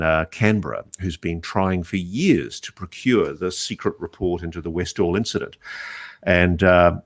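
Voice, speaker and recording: Man, very low pitch, storytelling guest, podcast interview. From Australia. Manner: storytelling, animated anecdotes. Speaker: journalist guest.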